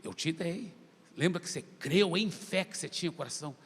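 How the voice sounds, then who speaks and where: A preacher voicing a gentle, fatherly divine spirit who speaks softly and tenderly to him. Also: fairly high pitch, brisk, breathy edge. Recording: long church hall reverb.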